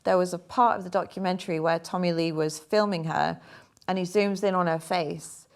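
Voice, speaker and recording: A young woman, chatting casually and a bit haltingly about her paintings. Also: lowish voice, steady tone, clear, resonant tone. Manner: chatty, rambling, hesitant with fillers. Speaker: artist talking through her paintings. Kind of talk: casual chat.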